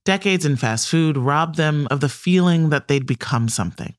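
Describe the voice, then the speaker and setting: A man narrating a documentary podcast in a measured, scripted storytelling voice. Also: fairly high pitch, lively intonation, no room sound, clean studio sound.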